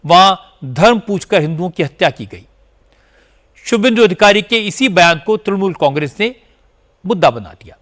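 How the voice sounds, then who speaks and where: Male news anchor with a slightly high voice, crisp and emphatic. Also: animated, normal speed, a bit bright. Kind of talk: news narration.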